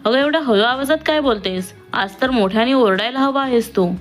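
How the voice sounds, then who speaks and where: Lady doing a feisty young daughter, bold and teasing, kinda high voice, faint music. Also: fairly quick, close to an everyday voice. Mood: lively. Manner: outspoken, teasing. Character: spirited young woman, newly qualified doctor. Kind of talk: storybook reading.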